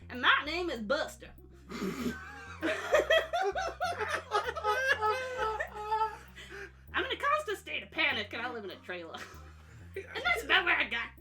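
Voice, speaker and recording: A woman's voice: sits high, wildly swooping pitch, fast, pitched above the performer's own voice. A woman playing a panicky mustached acorn. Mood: panicked. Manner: frantic, laughing. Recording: clear background music.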